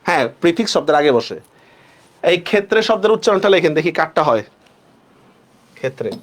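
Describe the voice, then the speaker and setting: A man teaching a class, who slows down to stress each rule and keeps asking his students whether they follow. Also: on the high side, big pitch swings. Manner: asks students frequent check-questions; stretches words slowly when stressing rules. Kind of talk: online class lecture.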